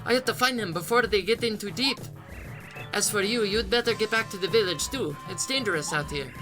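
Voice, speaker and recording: A performer voicing a prim, scolding female dinosaur nanny in a high, bossy voice, over game music. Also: a little fast, lightly acted.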